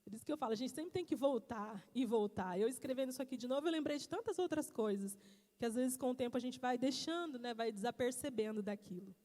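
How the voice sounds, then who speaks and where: A woman preaching a church sermon on marriage, animated and laughing as she tells stories. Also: a little high, quick pace. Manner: animated, storytelling, laughs often. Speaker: pastor's wife preaching. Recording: church hall reverb.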